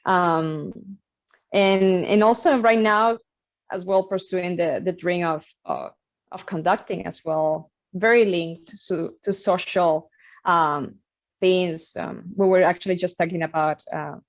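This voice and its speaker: Young cuban woman, lowish voice, dull lo-fi sound, lots of ums. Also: fairly even intonation, takes it slowly. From Cuba. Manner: thoughtful, many fillers and restarts. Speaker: guest musician. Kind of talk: casual interview.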